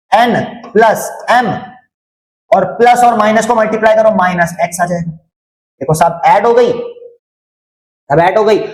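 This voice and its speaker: A man's voice: high voice, roomy sound, rough recording. A man teaching a maths lesson online, asking the same questions again and again and teasing students who get it wrong. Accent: Hindi. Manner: drills students with repeated questions, scolds jokingly.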